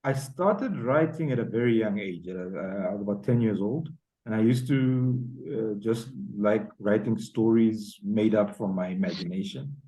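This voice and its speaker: A man's voice: fairly low pitch, moderate pace, warm tone, poor audio. A man in his forties from Zambia, chatting as a guest author with many ums and uhs. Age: 40s. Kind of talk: casual interview chat. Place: home, South Africa.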